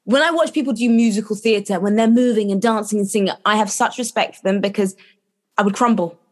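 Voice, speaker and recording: A woman's voice: mid-range voice, fairly quick. Chatty London woman, casual storyteller. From London, England. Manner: animated storytelling with quoted asides and casual slang. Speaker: interview guest, actor.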